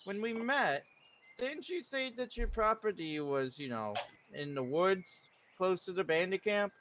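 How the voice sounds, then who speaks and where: A man's voice: sits high, animated, unhurried, fairly bright tone, slight background noise. A man playing a tabletop game, bossy and confrontational with others at the table. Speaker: player.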